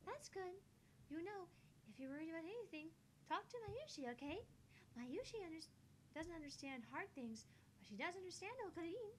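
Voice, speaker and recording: A woman voicing a sweet, simple, childlike girl in a visual novel, speaking in a soft, cutesy, gentle manner. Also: very high-pitched, sing-song, fairly quick, a little hiss or hum, pitched above the performer's own voice.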